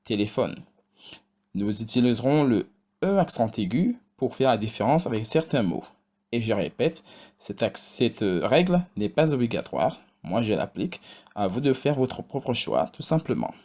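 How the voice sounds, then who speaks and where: A man teaching a pronunciation lesson, saying example words slowly and repeating each one twice. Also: medium pitch, big pitch swings, darkish tone. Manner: slow and deliberate, repeating each word twice. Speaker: language teacher.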